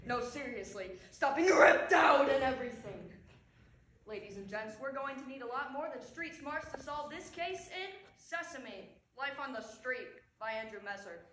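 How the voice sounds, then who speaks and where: A woman performing a humorous prose speech with animated, jokey storytelling. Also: high-pitched, normal speed, slight background noise. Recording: roomy echoey room.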